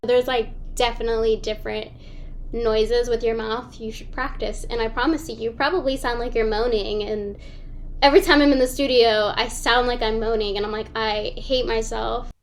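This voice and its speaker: A young woman, a voice actress guest, chatting casually on a podcast, rambling and self-deprecating, with vocal fry. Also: a little high, fairly even intonation, moderate pace, slight background noise.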